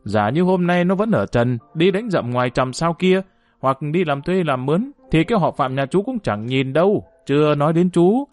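A man voicing a blunt, loud older village man in an audiobook. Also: on the high side, expressive, moderate pace, dry recording, soft background music, voice pushed up, natural voice. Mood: scornful.

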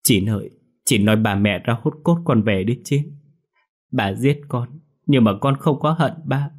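A man's voice: mid-range voice, a little slow, voice pushed up. A man voicing the ghost of a young man who pleads tearfully with his family in a spoken ghost story. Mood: tearful pleading. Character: grieving young male ghost, sobbing and pleading.

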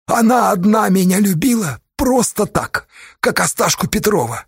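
A tormented young man, voiced by a male reader, defiant and full of bitterness, his lines raised in pitch and strained with anguish. The voice is husky and bright, with a gravelly edge, heard dry and close. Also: big pitch swings, moderate pace, no echo, heavily acted.

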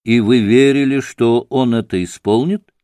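A man reading the lines of a brisk official investigator in an audiobook, asking probing questions. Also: mid-range voice, mellow, dry recording, clean studio sound, lightly acted.

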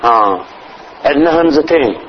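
Sheikh teaching a lesson, repeats stuff, muffled recording with faint hiss. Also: male voice, a little high, animated. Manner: explains slowly, repeats phrases and demonstrates pronunciation. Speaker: sheikh teaching religious law. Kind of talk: religious lesson.

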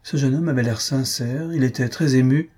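A man reading aloud and voicing an earnest young woman who explains herself calmly. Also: mid-range voice, moderate pace, slightly rough, voice pushed up, natural voice. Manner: calm, explaining, a little amused.

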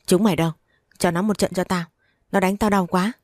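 A woman's voice: mid-range voice, fairly even intonation, fairly quick, no room sound, clean studio sound, lightly acted. A woman voicing an arrogant, cruel jealous wife who speaks scornfully. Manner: scornful, shouting.

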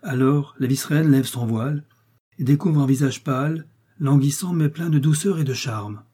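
Male narrator, dark husky voice, measured classic storybook reading. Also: fairly high pitch. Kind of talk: audiobook reading of a classic tale.

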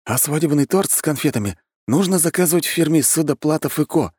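A man's voice: a little high, animated, fast talker, darkish tone, slightly rough, dry recording, clean studio sound, voice pushed up. A man doing a jokey young know-it-all. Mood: explaining. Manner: explaining, matter-of-fact.

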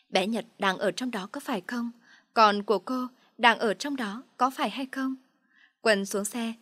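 Woman, audiobook narrator, steady storytelling, middle pitch, dry close sound. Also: no echo.

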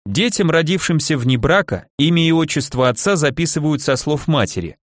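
A male audiobook reader tells the story in a measured, expressive way. His pitch moves in an animated way through the sentences. The sound is dry and close, from a studio mic. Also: no room sound. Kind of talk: scripted narration.

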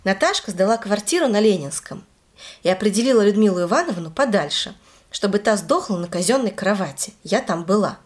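Woman storyteller, mid-pitch, emphatic and lively, telling a story to her child. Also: a little fast.

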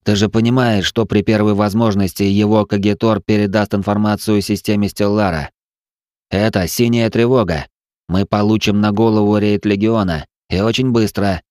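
A man's voice: fairly low pitch, fairly even intonation, moderate pace, darkish tone, no room sound, studio quality, natural voice. A man voicing a cold, ruthless possessed man who speaks curtly and with scorn. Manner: icy, curt and scornful.

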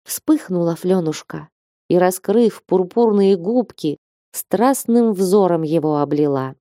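A woman narrating a classic novel in a measured, expressive way. Her voice is lowish and mellow, and the recording is close and dry. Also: no room sound. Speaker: audiobook narrator. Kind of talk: literary audiobook narration.

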